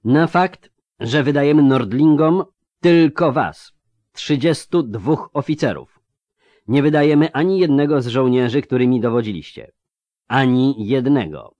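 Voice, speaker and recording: Stern imperial officer, formal and loud, read by a male narrator. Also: medium pitch, animated, a little slow, no echo, muffled recording, pitched above the performer's own voice, natural voice. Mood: cold. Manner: shouting orders, then cold and formal.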